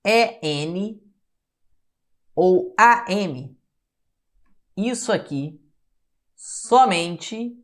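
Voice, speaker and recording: A man with a Brazilian Portuguese accent giving a class lecture. He keeps checking in with the class with tag questions and sounds out syllables to show how they work. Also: high voice. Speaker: teacher.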